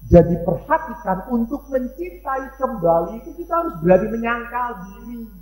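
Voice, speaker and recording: Animated, humorous priest in an echoey hall. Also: male voice, extremely high pitch, normal speed. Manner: animated and humorous storyteller, varies his loudness a lot. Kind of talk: seminar talk with anecdotes.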